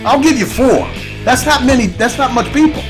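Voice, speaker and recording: Over background music, an internet radio host speaks expressively at a normal speed in an off-the-cuff political monologue. He's repetitive, repeatedly tossing out rhetorical questions and "right?" tags with sweeping pitch.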